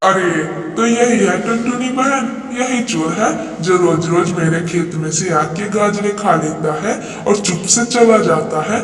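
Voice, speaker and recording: A man voicing an angry male kite who guards his farm in a cartoon story, with a gruff, threatening way of speaking. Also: high-pitched, measured pace, few pauses, far from the mic. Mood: furious. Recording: echoey roomy recording.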